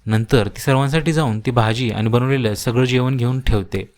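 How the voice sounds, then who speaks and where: Steady male cartoon-story narrator. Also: mid-range voice, moderate pace.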